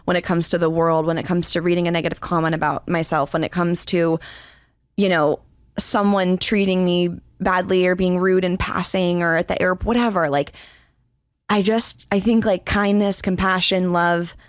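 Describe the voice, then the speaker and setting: A woman's voice: on the low side, little pitch movement, normal speed, smooth, no room sound, studio quality. A woman in her twenties on a podcast, chatting with her best friend in a bubbly, gushing way and laughing often. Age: 20s. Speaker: podcast co-host, interviewee. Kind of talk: casual chat between friends.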